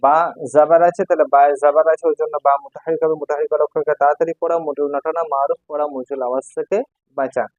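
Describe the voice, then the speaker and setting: A man with a slightly high voice gives a patient recitation lesson, spelling letters slowly and repeating syllables. The sound is dry and a bit dull, like a lo-fi recording. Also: flat delivery, darkish tone, dry recording. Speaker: Quran recitation teacher.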